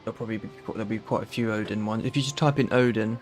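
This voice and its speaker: A man's voice: on the low side, fairly even intonation, racing, faint music behind. A man with a London accent, casually reading through a list of game mods with a friend. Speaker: streamer. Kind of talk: casual gaming chat.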